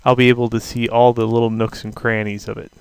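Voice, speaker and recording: A man teaching a software tutorial over a screen recording, talking casually and thinking aloud with fillers. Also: medium pitch, flat delivery, quick pace, smooth, dry recording. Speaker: instructor.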